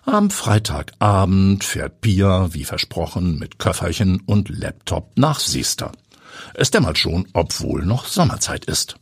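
Husky, breathy male audiobook narrator. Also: low-pitched, huge pitch swings, measured pace, no echo, clean studio sound. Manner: suspenseful, sometimes dropping to a whisper. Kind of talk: scripted narration.

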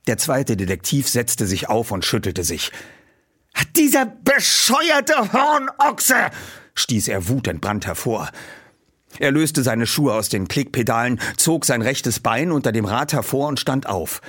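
A man narrating an audiobook with lively, tense storytelling in a husky voice. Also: medium pitch, normal speed.

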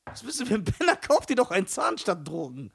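A young man with a high-pitched voice tells a story in casual podcast chat. His pitch leaps around as he imitates people and laughs at his own punchlines. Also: fast talker, creaky, husky. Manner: animated storytelling, mimics voices, laughs often. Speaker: podcast co-host.

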